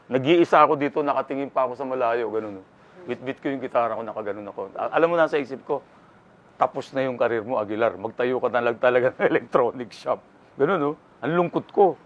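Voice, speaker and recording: A man's voice: medium pitch, muffled recording. An older man from the Philippines, a guest in an interview, telling his story casually and acting out the voices of the people in it.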